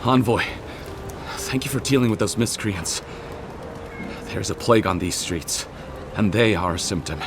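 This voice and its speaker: An actor playing a frightened, timid apothecary in a video game, who stammers nervously. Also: male voice, fairly low pitch, lively intonation, unhurried, noisy background. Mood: relieved. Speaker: apothecary shopkeeper.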